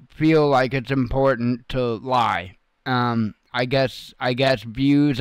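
With a clear, resonant, medium-pitched voice and no echo, a man hosts casual news commentary online. He talks without a script, bluntly and folksily, and lets some salty words slip.

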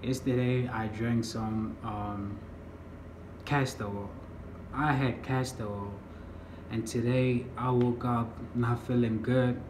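A young man from the United States talking casually to a phone camera in a vlog, slow and drawling, often trailing off. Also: medium pitch, fairly even intonation. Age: young adult. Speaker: vlogger. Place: small room indoors. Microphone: phone camera at arm's length. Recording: roomy phone recording, faint hiss.

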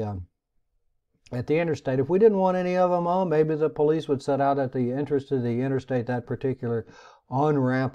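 A man teaching a recorded networking lecture, talking in a halting way with many restarts and fillers. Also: mid-range voice, warm tone, lo-fi sound. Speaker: instructor.

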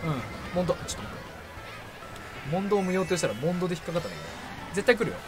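Fast, animated young man. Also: high-pitched. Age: young adult. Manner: animated, jokey, bursts of cheering and impressions. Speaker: gaming channel host. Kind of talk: excited gameplay commentary. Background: background music.

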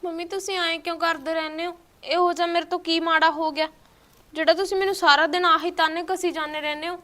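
An actress playing a put-upon young daughter-in-law who defends herself in a pleading voice, in a village short-film drama. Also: female voice, extremely high pitch, little pitch movement, fast, bright, forceful tone. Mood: hurt.

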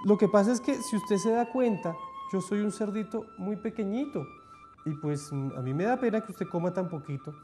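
A man voicing a tiny, cunning male piglet who pleads and wheedles in a squeaky voice. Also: normal speed, music in the background, natural voice. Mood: panicked.

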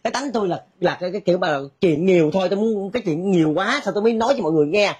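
A husky-voiced gossip of a village woman, played by a performer talks in a relentless, breathless torrent. She is insistent and defensive, the busybody of a comedy sketch. The flow never slows. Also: medium pitch, a little mellow, close to an everyday voice. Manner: rapid, insistent, defensive chatter. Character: nosy gossiping village woman who denies everything. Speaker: skit comedian.

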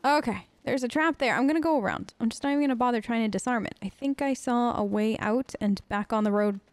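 Talking fast in a slightly high voice with no echo, a woman hosts a role-play let's play. She stays in character as her game persona, chatting casually and thinking out loud.

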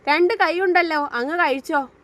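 A woman's voice: very high voice, moderate pace, a bit bright, no room sound, voice pushed up. A woman voicing a sulky, cheeky young wife in an audio story, with pouty, sarcastic remarks.

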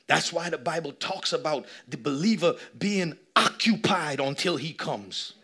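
Bright-voiced pastor preaching with shouts. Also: male voice, measured pace, slightly rough. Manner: animated preaching, shifting between loud shouts and low asides; casual, joking and acting out little scenes. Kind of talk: sermon. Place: church stage with a seated audience.

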